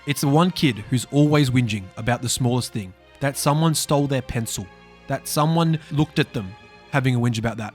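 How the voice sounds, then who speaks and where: An Australian man, a gaming content creator, ranting in exasperated, mocking reaction commentary. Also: mid-range voice. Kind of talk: reaction commentary on a social media post.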